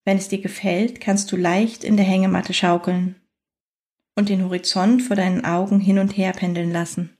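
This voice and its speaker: Soothing woman guiding a slow relaxation. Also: mid-range voice, little pitch movement, mellow. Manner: soothing, unhurried, with long pauses between phrases. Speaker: guided meditation narrator. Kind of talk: guided fantasy journey, scripted relaxation narration.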